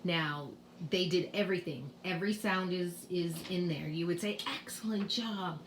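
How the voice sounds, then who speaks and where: A woman's voice: on the low side, fairly even intonation, background noise. A woman explaining spelling rules to parents in a casual home lesson, patient and full of fillers. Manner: slow, patient, with many fillers. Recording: roomy echo, faint ambience.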